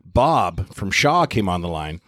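A man's voice: sits low, very animated, measured pace, a bit bright, dry recording. A man hosting a podcast in casual banter, with a dry, teasing, hesitant way of talking. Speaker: podcast host.

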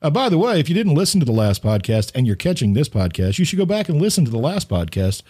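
A middle-aged man hosting a casual podcast, his voice husky and breathy. His pitch swings widely as he tells stories. He acts out the people in his anecdotes. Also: sing-song, fast, dark tone. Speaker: podcast host.

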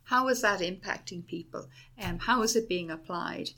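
A woman's voice: medium pitch, normal speed, sharp tone. A middle-aged woman with a Dublin Irish accent, a university principal answering interview questions with enthusiasm and many restarts. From Ireland.

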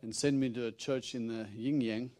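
Preaching as a guest in a church, a middle-aged man from South Africa with a Texan accent keeps his sermon chatty and humorous, acting out his exchanges with God. He has a mid-range, darkish voice with a steady tone and a moderate pace.

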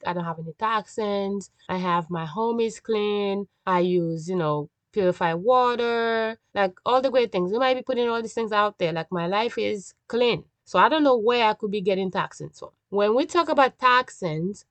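A woman's voice: medium pitch, fairly bright tone, no room sound. Middle-aged woman podcasting from a cramped closet. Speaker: podcast host and functional medicine doctor. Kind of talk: solo health podcast talk to listeners. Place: sitting in a small closet. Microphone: makeshift, without the usual microphone.

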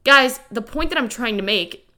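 A woman's voice: fairly high pitch, animated, moderate pace, sharp tone. A woman hosting a podcast as a coach, talking casually and motivationally to listeners in informal, lightly sweary language. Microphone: dedicated podcast microphone.

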